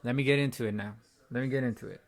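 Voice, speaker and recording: A young man who hosts a sports fan channel rants at home after a game, frustrated, repetitive, and rambling, his voice cracking. His medium-pitched voice races along very fast and carries vocal fry.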